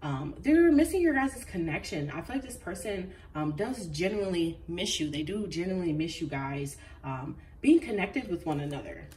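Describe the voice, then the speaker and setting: Seated indoors at a table with crystals, a woman gives a chatty, casual tarot reading to camera. Her mid-range voice sounds far from the mic and a little congested from a recent flu, and she often says um and laughs.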